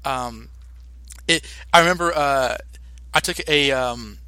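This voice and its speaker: Bright, animated young man chatting. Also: medium pitch, clear, resonant tone, dry recording. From United States. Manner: animated, halting with many restarts and fillers. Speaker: podcast co-host. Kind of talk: casual podcast chat.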